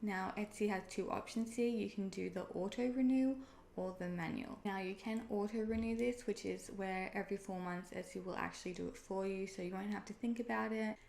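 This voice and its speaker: This young Australian online seller and video creator chats through explanations in a friendly vlog, often dropping "um" and "personally". Her mid-range voice is gravelly and darkish, a bit fast, with fairly even intonation, recorded in an echoey room with faint noise.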